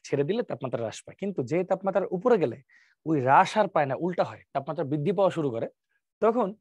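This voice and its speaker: A man's voice: a little high, darkish tone, no room sound. A male chemistry teacher, giving an exam-prep lecture and explaining step by step by asking and answering his own questions, with English terms mixed in. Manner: mixes English terms into colloquial Bengali.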